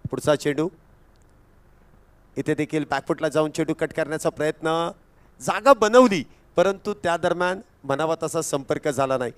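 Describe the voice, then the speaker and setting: A man giving live commentary on a local tennis-ball cricket match, with a Marathi accent, rising in excitement on each wicket and run. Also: a little high, moderate pace, clean tone. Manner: excitable rises on wickets and runs.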